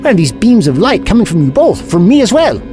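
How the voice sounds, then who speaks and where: Playing the eccentric, kindly time traveller known as the Doctor, this audio-drama performer sounds determined as he lays out wordy, scholarly explanations. His medium-pitched, natural voice is very animated and brisk, with music underneath.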